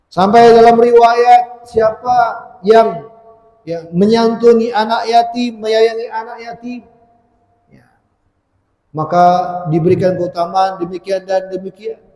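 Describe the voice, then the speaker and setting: A man's voice: high-pitched, fairly even intonation, measured pace, long pauses, warm tone. A man giving a Quran commentary lecture in a mosque, with an Indonesian accent, asking the audience questions and repeating key words for emphasis. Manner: asks the audience questions, stresses points by repeating them. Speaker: religious teacher. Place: mosque hall. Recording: echoey hall with long reverb.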